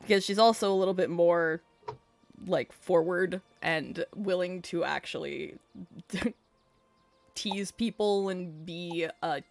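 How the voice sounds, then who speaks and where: A woman's voice: lowish voice, slow, creaky, faint music behind. A woman chatting casually with her tabletop group after a session, laughing often between her words. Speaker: player and game master.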